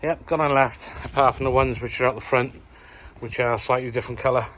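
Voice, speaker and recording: Tradesman, casual work vlog, outdoor patio, faint background hiss, mid-pitched and chatty. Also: fairly even intonation, fast, a bit bright. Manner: chatty, jokey, talks to camera while working. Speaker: patio installer filming his work.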